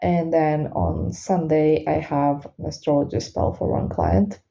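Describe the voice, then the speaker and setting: Woman, non-native English speaker, very dark low voice, retainer lisp, halting unscripted monologue, muffled audio. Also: sing-song, gravelly. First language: not English. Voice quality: slight lisp from wearing retainers. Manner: halting, searching for words. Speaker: spiritual reader and spellworker hosting a Q and A. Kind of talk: unscripted casual monologue to followers.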